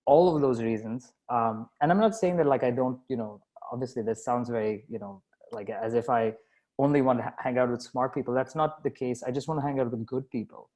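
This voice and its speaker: A man's voice: mid-range voice, brisk, darkish tone. Man from dubai, company founder, casual interview chat, chatty, self-deprecating, restarts sentences. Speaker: company founder and CEO, guest.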